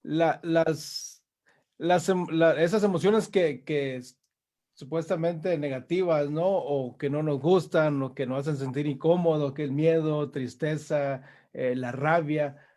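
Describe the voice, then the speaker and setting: A man's voice: fairly high pitch, measured pace, dark tone. A man interviewing a guest, asking questions hesitantly with many restarts.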